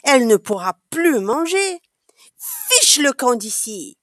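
A woman's voice: high voice, big pitch swings, takes it slowly, fairly bright tone, voice pushed up, heavily acted. A woman voicing a furious, proud witch queen who shrieks and scolds.

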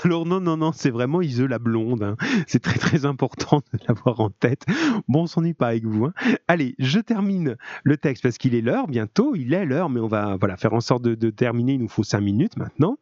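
A French-accented man teaching, chatty and full of little asides as he reads a text aloud and comments on it. The audio is slightly dull and muffled, and the sound is dry and close with no room around it. His pitch sits in a middle range. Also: animated, normal speed, a little mellow, dry recording. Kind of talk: online class lesson, reading aloud and explaining.

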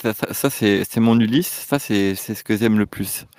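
A man playing along deadpan and evasive as a guest in a comedy sketch. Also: on the low side, moderate pace, no echo, clean studio sound.

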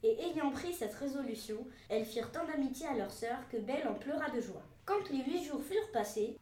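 A woman's voice: on the high side, distant mic. Woman reading a fairy tale aloud. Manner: steady, measured reading. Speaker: storyteller. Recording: echoey room, voice from afar.

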